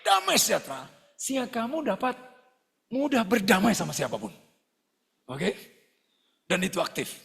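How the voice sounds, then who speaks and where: Animated gravelly-voiced male preacher. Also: high voice, normal speed, pauses often. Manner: lively, jokey preaching, often addressing listeners as "saudara"; mimics other people's voices when retelling stories. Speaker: pastor. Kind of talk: sermon.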